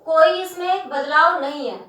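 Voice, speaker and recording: A woman's voice: extremely high pitch, unhurried, fairly bright tone. A woman teaching Hindi grammar to students in a patient classroom manner, stretching out syllables and often checking that they follow. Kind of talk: classroom lesson explaining spelling. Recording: echoey room, voice from a distance.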